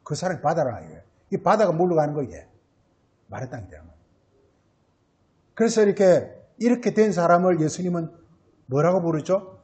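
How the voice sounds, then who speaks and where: A man's voice: fairly high pitch, very animated, fairly quick, long pauses, a little mellow. A pastor preaching a Sunday sermon. He keeps asking questions and answering them himself, uses a lot of filler words, and often tacks a short tag word onto the end of a phrase.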